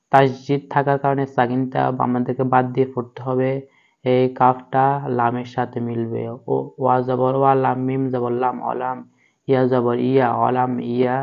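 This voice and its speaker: A man, teaching Quran recitation by breaking each word into letters and syllables. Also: medium pitch. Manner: slow, syllable by syllable, level delivery. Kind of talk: slow spelled-out recitation lesson. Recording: dull lo-fi recording.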